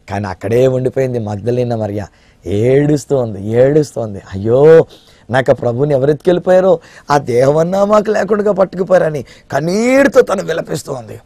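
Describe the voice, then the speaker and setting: A middle-aged man preaching a televised sermon, dramatic, swinging between hushed tones and soaring passages. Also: fairly high pitch, no room sound.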